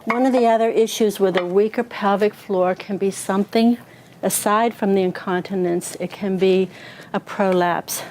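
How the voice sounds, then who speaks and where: A woman's voice: medium pitch, steady tone, normal speed, darkish tone, slight background noise. A woman pelvic floor therapist giving a conversational health talk to an audience, explaining an anatomical model and checking in with listeners. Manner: conversational, asks the audience questions.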